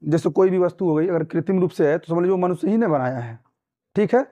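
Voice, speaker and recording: A man's voice: sits high, quick pace, mellow, highs cut off. Man teaching an exam-prep class. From Uttar Pradesh, India. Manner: repetitive, quizzing listeners with tag questions.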